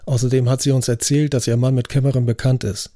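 A man voicing a gruff, skeptical middle-aged detective in an audiobook, blunt and grumbling. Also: medium pitch, flat delivery, fast, mellow, dry recording, clean studio sound, lightly acted.

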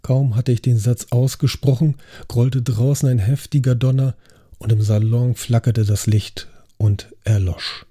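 A male narrator reads a story aloud in the first person, with a very dark, mellow tone and a husky edge. His delivery is scripted and expressive. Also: mid-range voice, unhurried. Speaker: audiobook narrator.

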